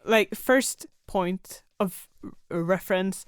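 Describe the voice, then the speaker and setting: A woman's voice: medium pitch, slow pace, clear, resonant tone, no room sound, studio quality. A woman co-hosting a podcast, chatting casually and animatedly with a co-host and swearing freely. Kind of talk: casual chat.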